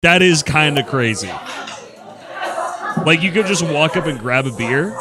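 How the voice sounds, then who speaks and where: A man's voice: a little high, lively intonation, a little slow, a crowd in the background, noisy background. A young American man commenting casually on a live stream, rambling with lots of fillers, wry and blunt.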